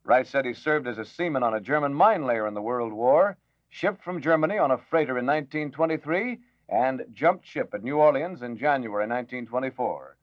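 A man reading a formal radio news bulletin in a measured announcer manner, heard as an old newsreel-style broadcast. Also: medium pitch, dry recording. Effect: old newsreel-style broadcast sound. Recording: dull lo-fi old radio recording, dry.

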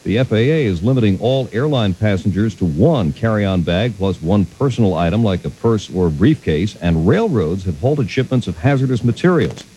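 Deep-ish husky american guy anchoring radio news, mellow. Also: expressive, normal speed, few pauses, low-quality recording. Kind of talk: scripted news reading.

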